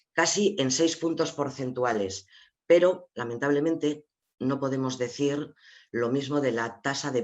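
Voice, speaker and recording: A man's voice: medium pitch, lo-fi sound. A man with an Asturian Spanish accent presenting a report in an online seminar, explaining figures step by step and talking directly to the viewers. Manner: explanatory, addresses viewers directly, sharing slides. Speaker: webinar presenter.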